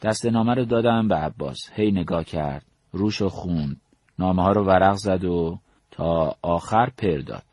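Casting note: husky male storyteller, measured first-person memoir narration, dry close mic. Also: sits low, a little mellow, dry recording.

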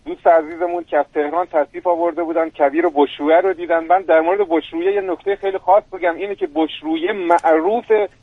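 A man with a thick Birjandi accent speaks over a tinny phone line in a high voice. He sounds formal, courteous and eager to explain. The sound is dry and close. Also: steady tone, few pauses, no echo. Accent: Birjandi Persian. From Birjand, Iran. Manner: formal, polite, enthusiastic explainer. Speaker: guest expert, university lecturer. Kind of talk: radio talk by phone.

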